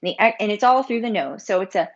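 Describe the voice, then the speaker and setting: A woman's voice: mid-range voice, fast talker, highs cut off. A woman yoga teacher leading a live online breathing workshop, talking in a chatty, informal way and laughing often.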